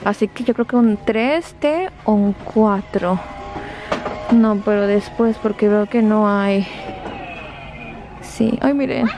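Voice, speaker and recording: A young woman vlogs while shopping in a large retail store, recording on a handheld camera and chatting loosely with her audience and her children. Her mid-range, darkish voice moves slowly and pauses often. Store noise runs underneath.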